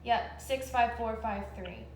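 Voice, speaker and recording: Over an echoey recorded phone call, a woman complains to the police, explaining the matter insistently and in detail. Her voice is a little high and her pace measured, with a noisy background behind her.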